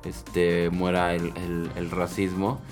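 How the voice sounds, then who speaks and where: A man's voice: deep voice, completely flat delivery, takes it slowly, over music. A Mexican man co-hosting a casual political chat, sarcastic and rambling, with many restarts. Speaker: political commentary co-host.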